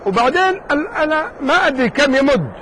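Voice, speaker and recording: A man teaching a jurisprudence lesson in a mosque circle, talking casually and lively, joking with his students and firing rhetorical questions at them. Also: extremely high pitch, fast, a little hiss or hum, poor audio. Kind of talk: informal classroom lesson.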